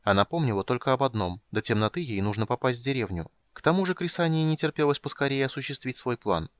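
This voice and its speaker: A man reading a fantasy audiobook in a measured storytelling manner. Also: mid-range voice, lively intonation, no echo. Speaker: audiobook reader. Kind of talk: scripted audiobook narration.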